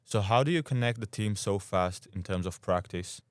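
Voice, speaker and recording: A man's voice: on the low side, moderate pace, no room sound, clean studio sound. A young man in his twenties hosting a college sports podcast, reading a scripted intro and then asking questions conversationally. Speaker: podcast host.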